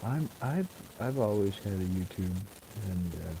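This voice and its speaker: A man in his seventies muses slowly and calmly, musing aloud as he chats on a live stream. His low voice has a dark, mellow tone. It comes through a cheap headset mic with fuzzy distortion and a faint hiss behind it. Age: 70s. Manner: calm, musing. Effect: fuzzy audio distortion from a cheap headset mic. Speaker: livestreamer. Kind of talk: rambling live-stream chat.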